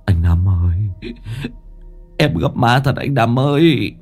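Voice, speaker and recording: A man voicing a terrified young man who stammers and shouts in panic in a ghost story. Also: medium pitch, lively intonation, slow, husky, soft background music, heavily acted. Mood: pleading.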